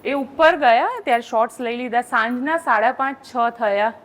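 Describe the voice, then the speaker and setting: High-voiced woman telling reporting stories. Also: normal speed. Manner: animated storyteller, acts out quotes. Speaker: journalist. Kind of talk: casual panel storytelling.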